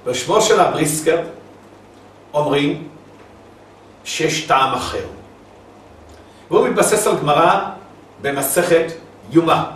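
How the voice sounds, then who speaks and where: A man's voice: fairly high pitch, lively intonation, pauses often, a bit bright. A man giving a recorded religious lesson. He reads a source aloud, then explains it in plain words with small asides. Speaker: Torah teacher. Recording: echoey room, distant mic, faint hiss.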